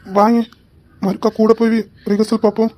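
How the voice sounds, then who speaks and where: A woman's voice: a little high, flat delivery, moderate pace, warm tone, close to an everyday voice. A woman voicing a teasing young man in a Tamil audio drama, bantering and bossy toward his bride-to-be. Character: teasing young male groom, cheeky and bold. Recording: dull lo-fi audio.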